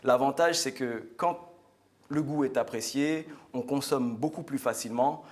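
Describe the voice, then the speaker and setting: A man of ordinary, mid-range pitch speaks earnestly in a TV studio. His delivery is chatty and enthusiastic, full of small fillers and restarts. He sounds like a guest sharing personal testimony. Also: normal speed. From French Guiana. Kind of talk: product presentation on a live show.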